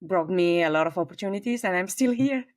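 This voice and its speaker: Woman, forties, Spanish accent, talkative, fairly low voice, dry sound, remote call guest. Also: lively intonation, brisk, no room sound. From southern Spain. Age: 40s. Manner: talkative, warm and expansive, frequent fillers. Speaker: podcast guest. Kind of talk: conversational interview.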